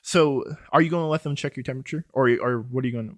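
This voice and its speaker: Man, game master, rambling narration, filler-heavy, mid pitch, dry close sound. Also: very fast, no room sound. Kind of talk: narrating a tabletop horror game.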